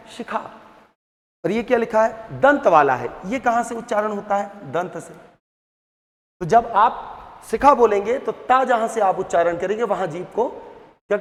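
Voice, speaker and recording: ऊँची आवाज़ वाला पुरुष शिक्षक, गूँजता कमरा. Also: male voice, high voice, big-room sound. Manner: asks questions and answers them himself, drills sounds aloud. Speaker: Hindi grammar teacher. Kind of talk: exam-prep grammar lesson.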